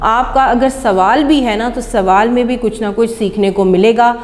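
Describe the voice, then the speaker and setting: A woman with a Pakistani accent, teaching an English lesson and slowly sounding out each word. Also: fairly high pitch, a little mellow, in a large hall. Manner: slow, deliberate sounding-out of words. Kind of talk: classroom lesson on pronunciation.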